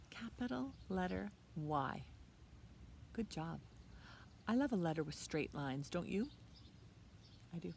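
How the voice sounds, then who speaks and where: A middle-aged woman with a fairly low, gravelly voice hosts an outdoor children's storytime beside a leafy hedge. She reads a picture book and gives a lesson, talking to the young kids in a simple, expressive way and asking them questions. The outdoor recording carries faint noise.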